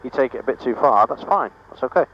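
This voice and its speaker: A man's voice: mid-range voice, expressive, fast. A man works as a flight instructor, coaching in an informal, reassuring way. He speaks over a dull cockpit headset channel with light engine noise behind him. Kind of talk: in-cockpit coaching during a flying lesson. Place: inside a small microlight aircraft cockpit. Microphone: aviation headset. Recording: dull, noisy cockpit intercom audio.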